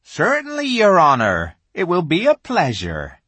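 Man putting on a big clumsy polite giant, husky, bouncy pitch. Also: wildly swooping pitch, a little slow, pushed and bright, no room sound, full character voice. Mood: deferential. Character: huge clumsy good-natured male giant, rustic.

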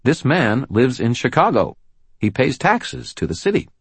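A man's voice: mid-range voice, very animated, unhurried, gravelly, slightly rough, no echo, voice pushed up, heavily acted. A man doing a steely, defiant woman cop. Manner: firm, clipped, defiant. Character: tough, steely woman police officer. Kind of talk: audiobook character voice.

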